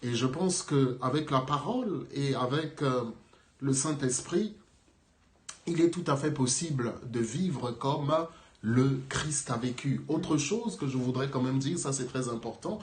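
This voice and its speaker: A man's voice: mid-range voice, unhurried. Brief: earnest male preacher with a mid-range voice, echoey room. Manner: earnest, affirming, pastoral.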